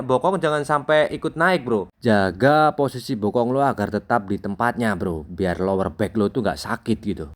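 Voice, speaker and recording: A young man narrating a casual gym vlog like a gym bro, addressing the listener as bro all the time. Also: mid-range voice. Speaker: fitness content creator.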